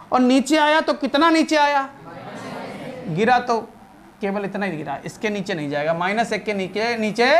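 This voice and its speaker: A man's voice: high voice, slight background noise. Emphatic man drilling a class. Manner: emphatic and repetitive, drilling students; coaxing, calls students "beta". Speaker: math teacher. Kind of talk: classroom lecture.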